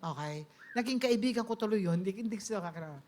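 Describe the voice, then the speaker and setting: A woman's voice: mid-range voice, animated, fast, darkish tone. A middle-aged woman from the Philippines with a Filipino accent, giving a personal testimony sermon and politely addressing her audience as she mixes in English.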